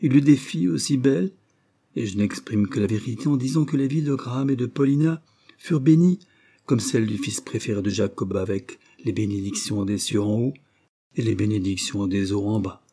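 Mellow, husky male audiobook narrator. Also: fairly low pitch. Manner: measured, expressive reading. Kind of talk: scripted narration.

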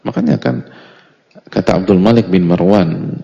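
A man's voice: low voice, moderate pace, creaky, dark tone. A middle-aged man, an Islamic preacher, giving a casual study lecture to an audience. He talks in a conversational way, asks rhetorical questions, and recites Arabic phrases before explaining them. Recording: reverberant hall, dull lo-fi sound.

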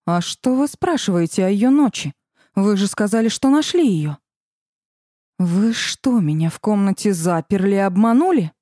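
A woman's voice: medium pitch, lively intonation, moderate pace, warm tone, dry recording, clean studio sound, natural voice. A woman voicing a fiery young red-haired witch in an audiobook, hissing and indignant. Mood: demanding.

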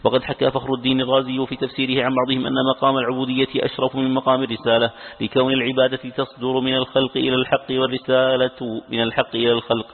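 A man reading a classical commentary aloud to his teacher, briskly, with occasional stumbles and restarts. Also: medium pitch, completely flat delivery. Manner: brisk recitation with occasional stumbles and self-corrections. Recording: tinny phone-like lecture recording with long hall reverb.

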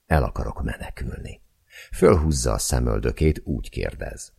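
Gravelly, very deep male narrator. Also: animated, darkish tone. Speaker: audiobook narrator. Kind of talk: first-person novel narration.

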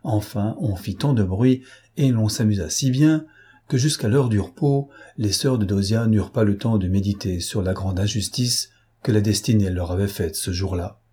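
A man narrating a classic novel as an audiobook, in a measured, even storytelling manner. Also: fairly low pitch, breathy edge. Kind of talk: scripted literary narration.

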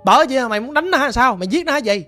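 A stern middle-aged exorcist, played by a woman storyteller fires blunt, scolding questions in a Southern Vietnamese accent. The voice stays somewhat high, with faint music under it. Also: animated, racing, a bit bright.

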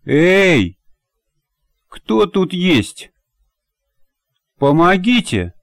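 A man voicing an injured older man who yells in pain and rage in an audiobook. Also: big pitch swings, extremely slow, gravelly, no echo, clean studio sound, full character voice. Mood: pleading. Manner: shrill, yelling.

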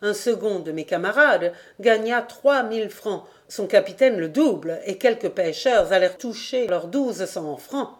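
A woman voicing a boastful, mocking old skipper in an audiobook, teasing loudly. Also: medium pitch, lively intonation, a little slow, hardly any pauses, lightly acted. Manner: loud teasing.

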